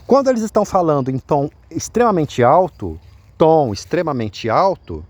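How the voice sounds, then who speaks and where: A man's voice: on the high side, very animated, normal speed, no room sound. A man with a Brazilian accent telling viewers a personal account, repeating himself insistently and speaking straight to his listeners. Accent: Brazilian Portuguese. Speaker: vlogger.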